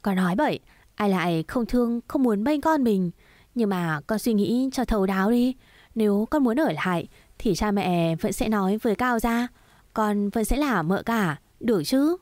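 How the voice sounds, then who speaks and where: A woman voicing a gentle, patient middle-aged mother who soothes her daughter in a storybook reading, with a soft coaxing tone and a dry recording. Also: medium pitch, expressive, moderate pace, no echo, natural voice.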